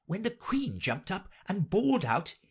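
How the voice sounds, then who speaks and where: A rambling, theatrical hatmaker with a mournful streak, as a man narrator acts him out. His pitch bounces all over, and the voice has a husky grain. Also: big pitch swings, measured pace, heavily acted. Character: odd, mournful grown male hatmaker.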